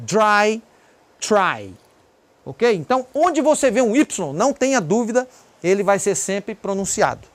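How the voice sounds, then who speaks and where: Brazilian English teacher explaining pronunciation. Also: mid-range voice. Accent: Brazilian Portuguese. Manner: explanatory, repeats example words slowly, points to written examples. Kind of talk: pronunciation lesson.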